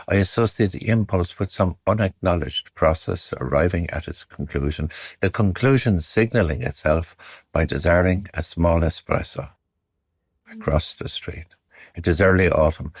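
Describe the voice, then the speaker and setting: A man reading his own novel aloud, a first-person literary passage delivered in a measured, quiet, reflective way. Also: deep voice, slightly rough, dry recording, studio quality.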